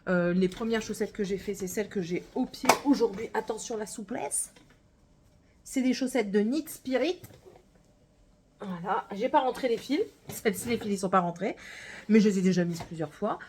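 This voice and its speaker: A woman with a mid-range, darkish voice speaks at a moderate pace over slight background noise. She's a knitting podcaster from northern France whose accent carries a touch of Gironde, chatting casually to camera about her knitting in a rambling way full of hesitations and self-corrections.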